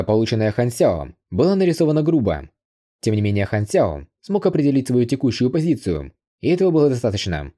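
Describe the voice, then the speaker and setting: A man reads an audiobook with an expressive, dramatic delivery. His voice is mellow and dark, and his pitch moves lively through the sentences. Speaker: audiobook narrator. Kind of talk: scripted audiobook narration.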